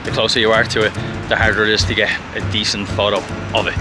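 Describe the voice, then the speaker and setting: A man's voice: lowish voice, level tone, quick pace. A young man narrating a casual travel vlog outdoors on city streets, chatty and explaining his plans as he walks. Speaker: vlogger. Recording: music playing under the voice.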